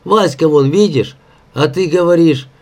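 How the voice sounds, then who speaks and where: Man reading a calm joking young foreman. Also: fairly high pitch, unhurried, pitched above the performer's own voice. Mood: easy. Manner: calm friendly banter. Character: easygoing male young foreman, joking, patient. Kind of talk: audiobook character voice.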